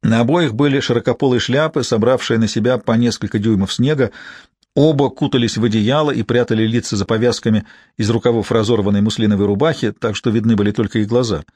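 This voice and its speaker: Male audiobook narrator, measured delivery, middle pitch, dry booth sound. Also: steady tone, a little mellow, dry recording. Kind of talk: scripted narration.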